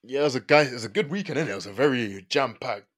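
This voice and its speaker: A man's voice: medium pitch, expressive, rapid-fire, a bit bright, breathy edge, dry recording. A young man with a London accent hosting a casual, slangy sports chat, often repeating and rephrasing himself. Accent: London, urban slang. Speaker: podcast host.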